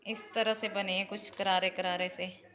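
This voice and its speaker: A woman's voice: medium pitch, flat delivery, normal speed, a bit bright, a little hiss or hum, poor audio. A woman, chatting casually to her viewers as she films her garden and home. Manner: chatty, keeps saying "look" and "guys" to viewers. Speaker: family vlogger. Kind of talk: casual home vlog tour. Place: home garden on a foggy day, then indoors.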